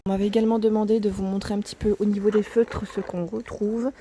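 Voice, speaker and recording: A woman's voice: medium pitch, flat delivery, fast talker, warm tone, slight background noise. A woman walking through a store aisle showing products in a casual vlog, chatting and often correcting herself, her voice cracking early in the morning. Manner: chatty, often corrects herself, drops to a near whisper at times. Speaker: vlogger showing new store arrivals.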